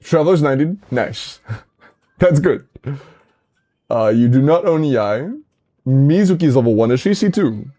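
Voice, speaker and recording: Lively, bantering young man streamer. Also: medium pitch, measured pace, long pauses. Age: 20s. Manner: playful, bantering with chat; laughs often. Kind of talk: casual livestream chat reviewing game accounts.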